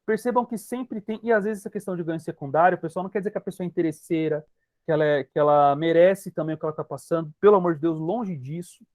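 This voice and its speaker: A man with a Brazilian Portuguese accent talks through a lesson for an online group session, pitched fairly high. The sound is dry and close, as on a video call. He is emphatic and keeps addressing his listeners directly. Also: quick pace, darkish tone, no echo. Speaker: hypnotherapist.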